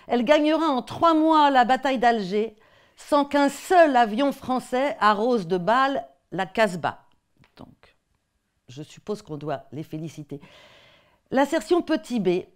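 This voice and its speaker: A woman's voice: on the high side, animated, measured pace, clear, resonant tone. A woman with a French accent giving an academic talk on textbook excerpts, conversational and hesitant, often repeating words. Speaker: lecturer.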